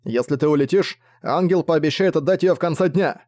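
A man's voice: a little high, a little fast, darkish tone, no echo, clean studio sound, pitched above the performer's own voice, close to an everyday voice. Man doing a cheeky young mage, urgent, slightly raised voice, audiobook. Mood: cocky. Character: young male mage, cocky and quick.

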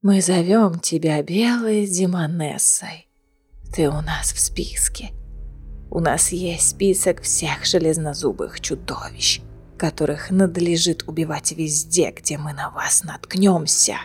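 A woman voicing a battered, defiant captive witch with an injured throat, whispering hoarsely and slowly. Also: deep voice, darkish tone, soft background music, pitched below the performer's own voice, heavily acted. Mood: defiant, mocking.

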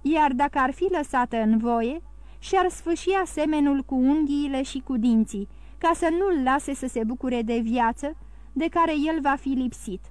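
A woman voicing a cold, sardonic aristocratic count who speaks in a measured, icy way. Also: sits high, a little mellow, dry recording, lightly acted. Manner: cold and measured, bursting into scorn.

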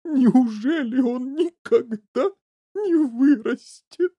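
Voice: takes it slowly, warm tone, husky, full character voice. A reader voicing a frantic, tearful middle-aged mother in an audiobook. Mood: wailing. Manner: shrill, wailing. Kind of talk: audiobook character reading.

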